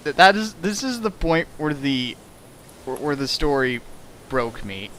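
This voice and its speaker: With slight background noise in his home streaming setup, a fanfic reader and riffer mocks the story he's reading aloud, sarcastic and exasperated, dropping into mock voices. His voice is a little high and a bit bright, very animated yet measured in pace.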